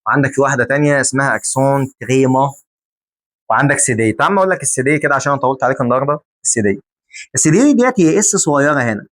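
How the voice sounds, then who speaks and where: A man with an Egyptian Arabic accent gives a lively French lesson, full of jokes. He repeats each word slowly so students can drill it. His pitch sits in the middle of the range. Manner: animated, jokey, drills words by repeating them slowly. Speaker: French teacher.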